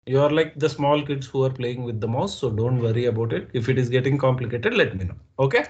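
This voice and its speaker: A man's voice: medium pitch, lively intonation, fast, highs cut off. A man with an Indian English accent teaching a live online class, patiently repeating points and checking that students understand. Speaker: instructor.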